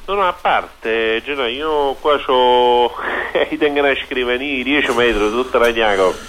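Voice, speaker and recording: A man's voice: mid-range voice, unhurried, a bit bright, low-quality recording. Middle-aged Neapolitan man calling in. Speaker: caller. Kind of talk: casual chat.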